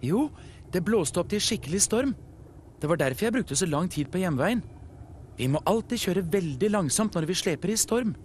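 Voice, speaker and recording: A man voicing a calm, sensible female rescue tugboat who patiently explains safety rules. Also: high voice, slight background noise, pitched above the performer's own voice. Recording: music playing behind.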